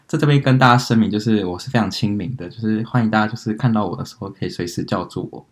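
A young man co-hosting a podcast, telling stories in a casual, animated way and acting out what people said. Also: on the low side, quick pace. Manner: animated storytelling, acts out quotes. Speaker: podcast co-host. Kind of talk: casual chat.

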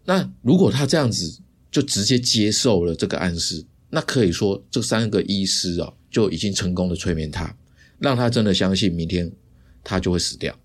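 A man, hosting a podcast and telling a story in a casual, explanatory way with lively asides. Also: low voice. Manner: chatty, drawn-out sentence endings, lively asides. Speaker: podcast host.

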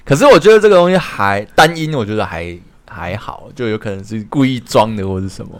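A man's voice: fairly low pitch, expressive, quick pace. A man with a Taiwanese accent chatting casually and asking questions as a podcast co-host. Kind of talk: casual chat, interviewing.

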